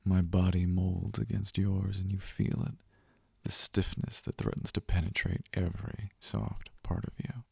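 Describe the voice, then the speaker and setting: A man narrates an intimate second-person roleplay in a low, husky murmur that often slips into a whisper. His delivery is slow and tender, with a dark, gravelly grain. The sound is close and dry, with no room around it. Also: little pitch movement, no echo. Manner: soft, hushed and often whispering; tender and reassuring. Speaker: audio roleplay performer.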